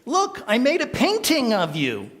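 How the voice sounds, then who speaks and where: A man voicing a big gentle bird with a sweet, childlike manner in a storybook read-aloud. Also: very high-pitched, huge pitch swings, a little slow, big-room sound, pitched above the performer's own voice, full character voice.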